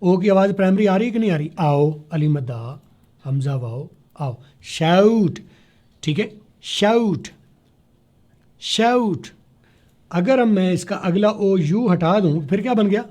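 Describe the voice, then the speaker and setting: A man teaching spoken English to a class, spelling words letter by letter, slowing down to model sounds and checking that students follow. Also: sits high, expressive, mellow. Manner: slows down to demonstrate pronunciation. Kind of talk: classroom lecture.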